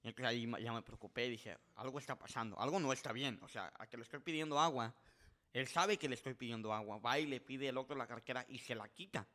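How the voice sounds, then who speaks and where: A man's voice: medium pitch, fast talker. A man telling a story casually on a podcast, acting out the voices of the people in it and often restarting his sentences. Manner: animated, acts out quoted voices, frequent restarts. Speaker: podcast guest.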